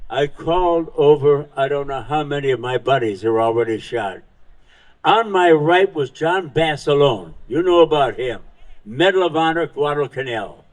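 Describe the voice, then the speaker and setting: Hundred-year-old man, higher-pitched voice, telling war memories. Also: low-quality recording. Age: 100 years old. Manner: emphatic storytelling with rhetorical questions and short, halting phrases. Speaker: veteran Marine guest speaker. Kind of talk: live war reminiscence to an audience.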